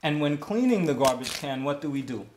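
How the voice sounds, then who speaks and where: A man in his thirties as a guest in a kitchen chat, explaining calmly with playful asides. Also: fairly high pitch, a little fast. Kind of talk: casual chat. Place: home kitchen set, indoors. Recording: roomy kitchen echo, faint noise.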